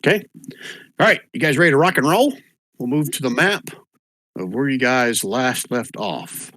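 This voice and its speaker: A man's voice: mid-range voice, lively intonation, normal speed, a bit bright, no room sound. A man acting as game master, casually narrating and running a tabletop game.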